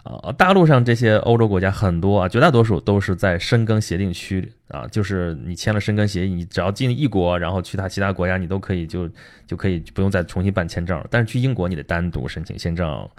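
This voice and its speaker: A man's voice: low-pitched, quick pace. A man hosting a casual history talk, speaking conversationally and tagging his points with rhetorical questions. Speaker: host.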